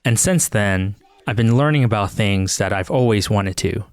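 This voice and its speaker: A man's voice: lowish voice, normal speed, no echo. A man hosting a podcast, narrating in a scripted, wry and self-deprecating way. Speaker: podcast host.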